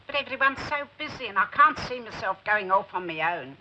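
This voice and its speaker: A woman's voice: mid-range voice, lively intonation, brisk, sharp tone, a little hiss or hum. An actress playing a down-to-earth, hesitant middle-aged London woman in a television drama, plain-spoken and a little defensive. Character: down-to-earth, hesitant, touchy working-class London lady. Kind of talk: 1960s television drama acting. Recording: dull old TV soundtrack.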